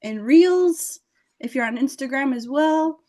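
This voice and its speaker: A woman's voice: high voice, a little slow. A woman hosting a casual chat, talking enthusiastically and acting out little quotes as she gives advice. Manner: animated, enthusiastic, acts out quotes. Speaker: host.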